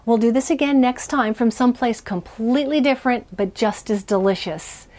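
A woman's voice: a little high, normal speed, a little mellow. A woman in her forties hosting a cooking show from a small RV kitchen, chatty and upbeat as she walks through each step. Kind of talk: cooking demonstration.

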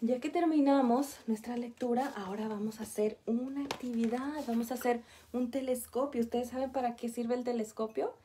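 A woman preschool teacher reading a picture book aloud to small children. She explains gently and often stops to point out the pictures. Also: on the high side, fairly even intonation, brisk, hardly any pauses, a little hiss or hum.

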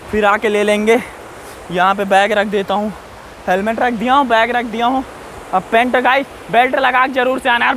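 Here a travel vlogger with a strikingly high, fairly bright voice walks a rocky hillside and talks loosely to his audience. He keeps returning to warnings about danger as a waterfall rushes faintly behind him, captured on a low-quality recording.

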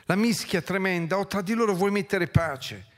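A man voicing the goddess Athena on stage, declaiming slowly in a lofty, pleading tone. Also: high-pitched, long reverb tail, pitched above the performer's own voice, close to an everyday voice. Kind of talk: dramatic reading on stage.

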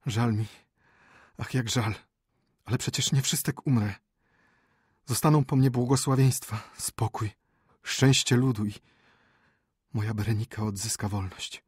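A dying young prince, gentle and anxious, pleading in a raised, higher voice, as a male audiobook narrator puts him on. The tone is husky and dry, and it is lifted above the narrator's usual low register. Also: measured pace, pauses often, dry recording. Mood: wistful.

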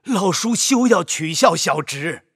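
An actor playing an earnest younger man, a dutiful son, husky and quick to grief and anger. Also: sits high, expressive, fairly bright tone, no echo, clean studio sound, full character voice. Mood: emotional. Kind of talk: audio drama acting.

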